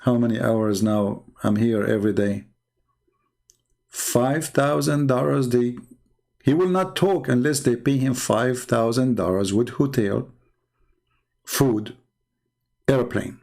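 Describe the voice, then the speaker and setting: This Middle Eastern man, a native Arabic speaker with an Arabic accent, hosts a casual live stream as a religious apologist, mocking and sarcastic, repeating phrases for emphasis. His mid-range voice moves slowly, creaky and a little mellow, broken up by long pauses.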